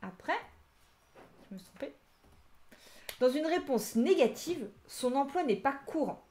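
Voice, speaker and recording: A woman's voice: high-pitched, animated, measured pace, darkish tone. Chatty woman teaching a live lesson. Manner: chatty, explains with lots of restarts and asides. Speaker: Japanese language teacher on a live stream. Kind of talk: casual live-streamed lesson.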